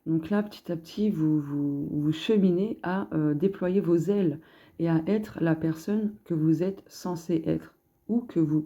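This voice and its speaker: A woman's voice: fairly low pitch, mellow. A woman giving a casual card reading, hesitant and chatty, thinking aloud with many filler sounds. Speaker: card reader giving a collective astrology guidance.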